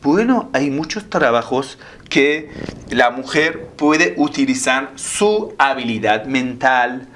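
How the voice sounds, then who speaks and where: A man's voice: medium pitch, lively intonation, slow pace, fairly bright tone, a little hiss or hum. A man giving a religious talk as a preacher, often asking listeners if they follow him. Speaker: Islamic preacher.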